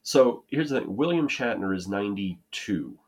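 Deep-voiced rambling American man. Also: animated, normal speed, husky. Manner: rambling, self-deprecating, frequent restarts and laughs. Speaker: podcast co-host. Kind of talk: casual chat.

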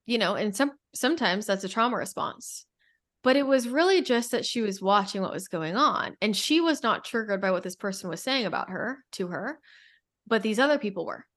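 A woman's voice: medium pitch, a bit bright. A woman in a casual spiritual podcast conversation, telling a long story in a rambling way with many restarts.

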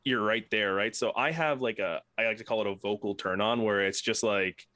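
Low-voiced man, rambling and casual. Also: a little fast, bright, forceful tone. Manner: rambling, swears freely, many restarts. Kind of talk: casual podcast chat.

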